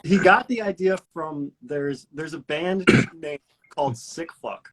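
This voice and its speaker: A man's voice: on the high side, takes it slowly, noisy background. A young man, a guitarist and vocalist, chatting casually in an interview, telling rambling stories with laughs and crude language.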